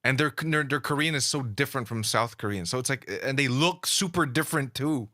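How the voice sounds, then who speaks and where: A man in casual chat, relaxed and joking, sometimes trailing off. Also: medium pitch, a little fast, dry recording, studio quality.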